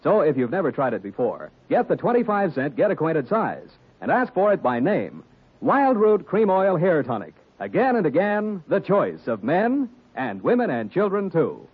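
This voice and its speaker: A man gives a chipper, vintage radio ad read as the show's announcer. His voice is fairly high and swings in lively arcs. It comes through a tinny old broadcast with music behind. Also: normal speed, slightly rough. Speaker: radio announcer reading sponsor ad.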